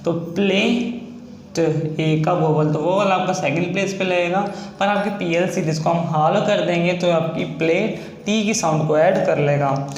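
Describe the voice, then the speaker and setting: A man teaching a shorthand lesson, slowly and patiently spelling out each sound step by step. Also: high-pitched. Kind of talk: classroom-style lesson. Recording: echoey room with faint ambient noise.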